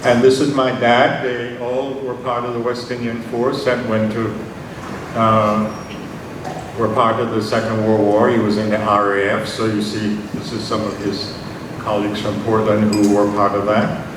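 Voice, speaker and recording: A man, giving an unhurried, personal academic lecture with slides and frequent ums. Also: lowish voice, completely flat delivery. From Jamaica. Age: 70s. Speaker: invited lecturer. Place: large conference hall. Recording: very echoey hall, distant mic, noisy.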